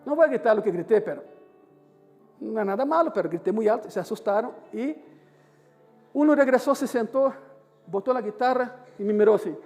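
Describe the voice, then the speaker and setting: A man's voice: sits high, brisk, pauses often. A man preaching a sermon as pastor, telling a story and acting out the dialogue. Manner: animated, acts out dialogue in the story. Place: church service. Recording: live church hall with music behind.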